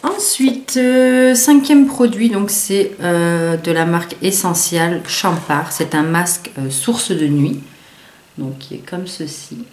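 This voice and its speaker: A woman's voice: fairly low pitch, slow pace, a little mellow. A woman vlogger casually reviewing a beauty subscription box, chatty and hesitant, with many fillers and restarts, often reading product descriptions aloud. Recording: echoey room with faint noise.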